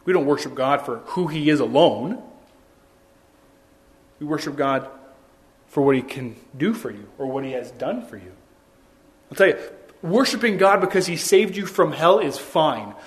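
Earnest high-voiced male preacher. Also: lively intonation, moderate pace. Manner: conversational, earnest preaching with frequent restarts and asides. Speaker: pastor. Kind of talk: sermon.

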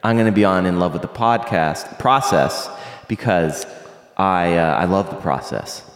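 Man, cave echo filter, joking podcast banter, low voice, sounds distant. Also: moderate pace. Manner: joking, loose. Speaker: podcast co-host. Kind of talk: casual banter.

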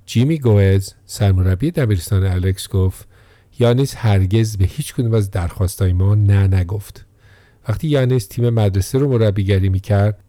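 A man tells a sports story in a steady, scripted narration. His voice sits on the low side and sounds very dark and mellow. The recording is dry and close. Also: no echo.

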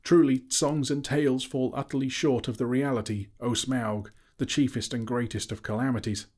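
Small nervous male hobbit voiced by a man, raised pitch, stammering, eager, flattering, slightly husky. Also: normal speed, natural voice.

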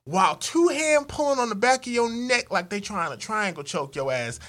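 A man cohosting a podcast, telling raunchy stories in a profane, animated way and acting out voices. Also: high voice, moderate pace. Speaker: podcast co-host. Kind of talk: raunchy comedic banter.

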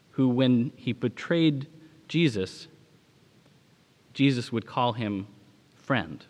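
A man delivering a sermon as a pastor, speaking in a measured, preaching manner with dramatic pauses. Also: mid-range voice, in a large hall.

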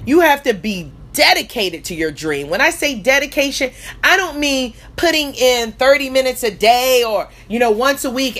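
A woman's voice: sits high, a bit bright. A woman coach giving an emphatic, exhorting motivational speech with repeated refrains. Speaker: motivational coach and show host.

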